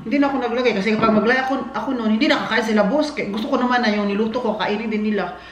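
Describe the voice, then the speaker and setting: A woman's voice: fairly high pitch, fairly even intonation, very fast. A woman from the Philippines, rambling chattily as she cooks and talks to her viewers. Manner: rambling, chatty, laughs often. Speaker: vlogger. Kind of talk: casual cooking chat. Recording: echoey room with loud background noise.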